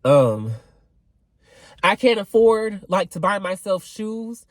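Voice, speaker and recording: A man's voice: high voice, big pitch swings, takes it slowly, no room sound, low-quality recording. A young man in his twenties venting in a casual vlog rant, rambling with fillers and swearing freely. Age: 20s. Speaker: vlogger.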